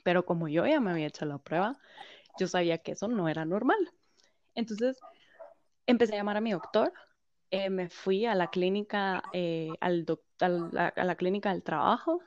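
A woman, telling a personal story as a guest, animated, quoting others and laughing often. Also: lowish voice, moderate pace, slight background noise. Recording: slightly dull, dry.

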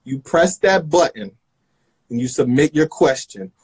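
Lively-voiced male show host. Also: fairly high pitch, a little slow, slightly rough, low-quality recording. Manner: lively, explains show rules. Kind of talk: live online chat show.

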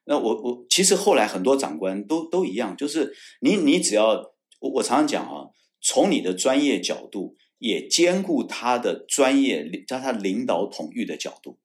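At medium pitch and normal speed, a Taiwanese man who once served as a military judge advocate tells a story in a casual interview. He's an animated storyteller, acting out the dialogue he quotes and shouting the angry lines, and he often restarts and repeats his words.

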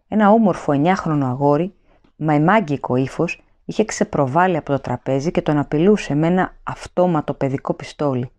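A woman narrating an audiobook in a steady, even storytelling manner. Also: deep voice.

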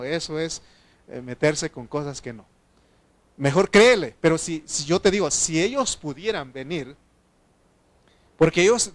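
A male preacher delivering a heartfelt sermon in church. His voice sits a little high for a man, sinking low and quiet when he speaks of his own grief, then climbing loud and urgent as he exhorts his listeners. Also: no echo. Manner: emotional, swings from soft to loud.

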